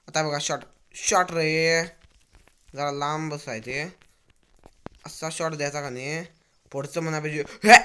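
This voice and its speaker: Excitable man doing gameplay trash talk. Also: on the high side, a little hiss or hum. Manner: keeps telling viewers to watch. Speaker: mobile game streamer. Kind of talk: live gameplay commentary.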